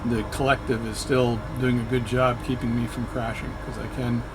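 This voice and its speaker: At a moderate pace and with little pitch movement, a man with a mid-range voice narrates his flight sim gameplay. As a flight sim video creator, he's chatty and rambling and tends to correct himself mid-sentence. The background is noisy.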